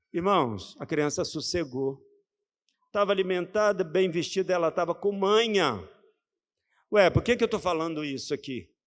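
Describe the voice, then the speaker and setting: A man with a Brazilian Portuguese accent preaching a conversational sermon, often asking the congregation rhetorical questions. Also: fairly high pitch. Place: church hall. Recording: reverberant church hall.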